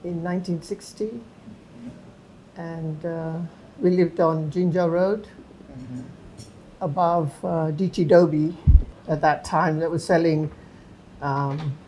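A woman's voice: low voice, fairly even intonation, slow pace, pauses often, warm tone, slight background noise, rough recording. A woman in her sixties from Uganda, speaking hesitantly with fillers in an interview. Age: 60s.

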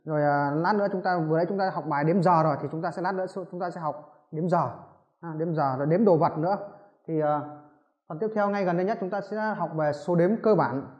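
A man with a Vietnamese accent teaching a Japanese lesson, rambling through explanations and slowly drilling numbers aloud. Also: a little high. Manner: rambling, self-correcting explanations, slow drawn-out drilling of numbers. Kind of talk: recorded classroom-style lesson. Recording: roomy, muffled home recording.

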